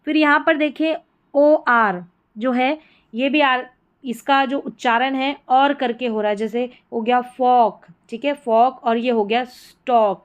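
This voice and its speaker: A woman's voice: on the high side, clear, resonant tone, lo-fi sound. A woman from India, patiently explaining spelling and pronunciation rules as a teacher and repeating each point in several words. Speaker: English teacher.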